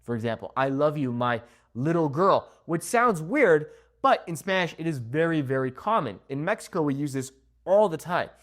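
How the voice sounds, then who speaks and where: A young man teaches a casual Spanish lesson to camera. His voice is fairly high for a man and moves up and down a lot as he explains. He keeps asking "okay?" to check that the viewer follows. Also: normal speed. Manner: lively, often checks in with "okay?".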